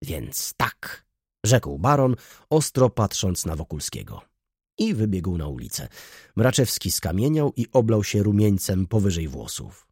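A low, husky male voice narrates a novel with a lively, expressive pitch. The sound is close and dry. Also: moderate pace, no room sound. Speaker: audiobook narrator. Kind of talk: scripted narration.

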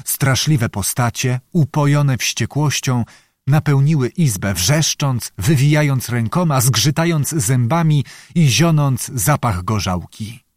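A man reading a historical novel aloud as an audiobook narrator, in a measured, dramatic storytelling manner. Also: medium pitch, lively intonation, darkish tone, no room sound, studio quality.

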